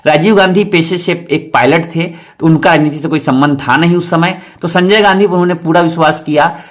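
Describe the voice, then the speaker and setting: A man's voice: a little high, fairly quick. Rephrasing man teaching history. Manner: explains, rephrases, asks rhetorical questions. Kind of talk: exam-prep history lecture.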